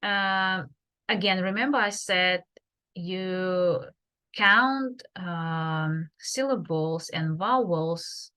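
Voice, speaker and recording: A woman gives an online grammar lesson, taking her time over each point. Her voice sits a little low, and she pauses often on fillers as she explains the rules deliberately. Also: bright, forceful tone, clear, resonant tone. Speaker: English teacher. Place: home.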